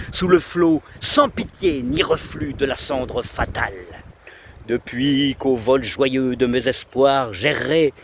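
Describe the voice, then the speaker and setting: A man recites a 19th-century poem slowly and solemnly, his phrasing measured and declamatory, broken by dramatic pauses. He's outside under trees on a windy seashore, where heavy wind buffets the mic and the sea rumbles and roars behind him.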